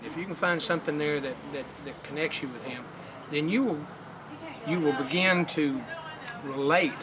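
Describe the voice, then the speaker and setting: A man who works as a Lincoln presenter, talking in a folksy, plainspoken way with halting pauses. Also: a little high, crowd noise. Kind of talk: documentary interview.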